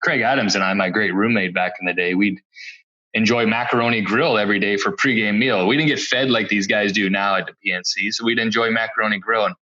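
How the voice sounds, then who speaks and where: His voice is fairly low and steady but pushed and bright, moving quickly over lo-fi audio. The forties-aged ex-pro hockey player relaxes into reminiscences as a podcast guest, laughing softly between tales.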